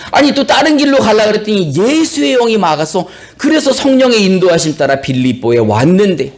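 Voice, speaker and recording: A male pastor preaching a sermon and reading scripture, telling the story with animated, acted-out flair. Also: high voice. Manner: animated storytelling, acts out biblical characters.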